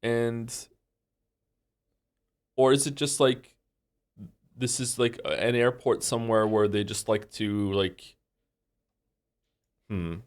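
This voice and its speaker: This roughly forty-year-old game streamer talks slowly and flatly, leaving long pauses, yet his tone is clear and resonant despite sounding congested. He rambles casually on his live stream with lots of fillers and restarts, low-key and mildly mocking himself.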